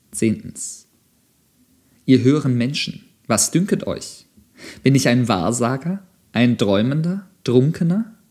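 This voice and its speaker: A man reading a philosophical text aloud as an audiobook, declaiming with dramatic pauses. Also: mid-range voice, darkish tone. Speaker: audiobook narrator.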